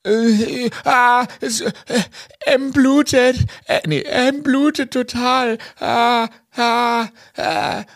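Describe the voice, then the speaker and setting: A man voicing a panicked, drunk young man in a clown costume who stammers in a high, frantic voice. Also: fast talker, few pauses, no echo, studio quality, lightly acted.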